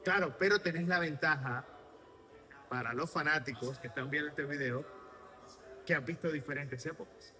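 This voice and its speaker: A man hosting a sports interview, lively and promotional, asking long questions. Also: on the high side, normal speed, long pauses, soft background music. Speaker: interviewer host.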